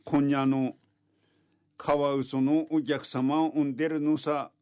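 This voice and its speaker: A sly, greedy folktale fox, acted out by a male storyteller, schemes and coaxes in thick rural Tohoku dialect. The voice is a bit high and muttering, self-indulgent, with hardly any room sound. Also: flat delivery, takes it slowly, darkish tone, dry recording, clean studio sound. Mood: worried. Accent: thick rural Tohoku Japanese dialect. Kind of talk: oral folktale character voice.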